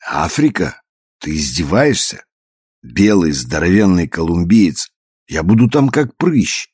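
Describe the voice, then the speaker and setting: A man reading an audiobook, voicing a gruff, sullen, bitter young man. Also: deep voice, very animated, unhurried, darkish tone, no room sound, studio quality, full character voice. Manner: gruff, sullen, self-mocking. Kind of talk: audiobook character voice.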